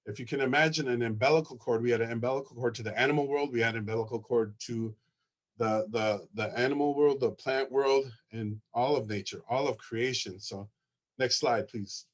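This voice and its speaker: A man's voice: mid-range voice, brisk. Earnest man presenting with slides. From Ojibwe, from Minnesota. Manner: earnest, excited, repeats words while searching. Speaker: school founder presenting.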